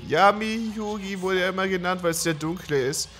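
A man doing gameplay commentary, excitable, swearing and yelling at the game. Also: sits high, a little fast, soft background music. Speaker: let's play gamer.

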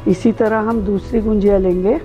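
A middle-aged woman guides viewers through a recipe, calmly explaining every step. Her voice is warm and mellow. Faint music plays beneath her. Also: medium pitch, dull audio. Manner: calm, explains each step slowly. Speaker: cooking show host. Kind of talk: step-by-step cooking instruction.

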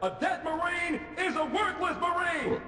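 A man playing a gruff, abusive Marine drill instructor in a video game, barking insulting commands. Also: extremely high pitch, unhurried, pushed and bright, shouting, slight background noise, full character voice. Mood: barking, contemptuous. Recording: echoey hall, some distance away.

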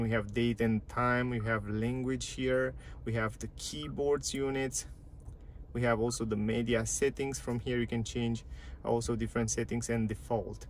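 A male car reviewer with a mid-range voice chats casually through a parked car's dashboard and touchscreen menus, repeating phrases and speaking with non-native grammar. Slight background noise is present.

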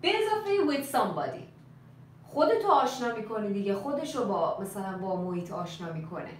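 A young woman, a native Persian speaker, teaching a live English lesson. She moves between Persian and English and slows down to drill words. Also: mid-range voice, big pitch swings, slight background noise. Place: room, live stream. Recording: roomy, slightly distant mic with faint ambience.

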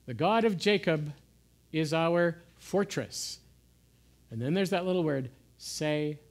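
A man giving an informal sermon in a gentle, conversational way, sometimes dropping to soft, hushed asides. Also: on the high side, takes it slowly. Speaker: pastor. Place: church.

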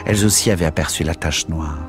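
A man reading a novel aloud as narrator, measured and dramatic. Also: a bass voice, music in the background. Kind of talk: audiobook narration.

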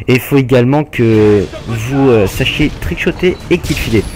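A man casually commenting on his own gameplay, hesitant with many filler pauses and a laid-back, jokey manner. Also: mid-range voice. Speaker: gaming channel host. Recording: game gunfire noise underneath. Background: video game gunfire.

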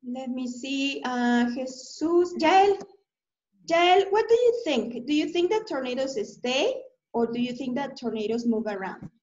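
A woman teacher with a Mexican accent and a high voice leads an online reading lesson at an unhurried pace. She keeps her phrasing simple and checks in with questions. The sound is dull and echoes around the room. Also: expressive, a little mellow. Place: indoor room, on a video call. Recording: muffled, echoey online class audio.

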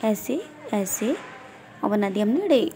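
Slow, patient woman teaching nursery letters. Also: mid-range voice, expressive, warm tone. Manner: slow, patient letter-by-letter drilling for small children; mixes English and Hindi-Urdu. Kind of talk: online class lesson.

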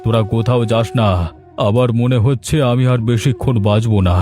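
Man acting frail, ailing village gentleman, plaintive. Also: mid-range voice, level tone, fairly quick, faint music behind, natural voice. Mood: weak, mournful. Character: frail, gravely ill village gentleman, lamenting. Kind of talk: Bengali cartoon voice acting.

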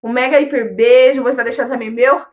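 A woman's voice: on the high side, fairly even intonation, fast talker, a little mellow, highs cut off. A pregnant young woman vlogging in a casual, affectionate, chatty way, often calling her viewers loves. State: late pregnancy. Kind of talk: casual chat.

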